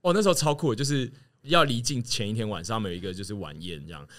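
A man telling a story in casual chat, animated and laughing as he acts out what others said. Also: fairly low pitch, rapid-fire. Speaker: podcast guest telling a story.

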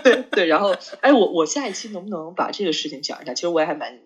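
A woman's voice: on the low side, lively intonation, rapid-fire, breathy edge. A woman co-hosting a podcast, chatting casually with a friend, rambling with many fillers and restarts. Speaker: podcast co-host. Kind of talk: casual chat between friends.

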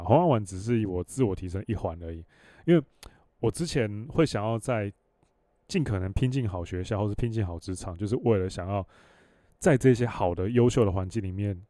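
A man in his thirties with a Taiwanese Mandarin accent hosts a solo podcast, telling rambling stories bluntly and with plenty of cursing. His voice is on the low side with a dark tone, captured in a dry, clean studio recording.

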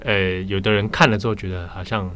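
A man with a Taiwanese Mandarin accent, hosting a podcast and telling stories in a relaxed, chatty way. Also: lowish voice, a little fast, slight background noise. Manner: chatty storytelling, laughs easily. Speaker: podcast host. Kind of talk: casual chat.

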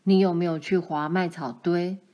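A woman's voice: fairly low pitch, fairly even intonation, moderate pace, mellow, voice pushed down, close to an everyday voice. A woman voicing a stern, grave father. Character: stern low-voiced father.

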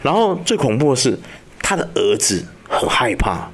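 Husky and medium-pitched, this man speaks at a moderate pace while hosting a podcast full of ghost stories. His talk is casual and salty, lively, and peppered with "you know?" as he makes sure you're keeping up.

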